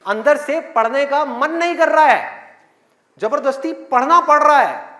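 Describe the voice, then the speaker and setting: Speaking to a live audience in a hall, a motivational speaker fires off rhetorical questions and performs different voices. He has an extremely high, sharp, animated voice and keeps a measured pace, with echo and a faint crowd in the recording.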